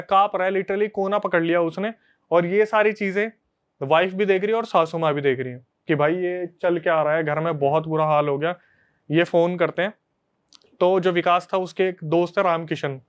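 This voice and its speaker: A man hosting a podcast, telling a story to his friends in a casual, animated way. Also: on the high side, clean tone. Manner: animated, conversational retelling to friends.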